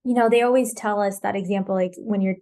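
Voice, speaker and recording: A woman's voice: mid-range voice, fairly even intonation, quick pace. Woman wellness coach from Colombia. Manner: warm, rambling, frequent "you know" and "like" fillers. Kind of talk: casual podcast interview.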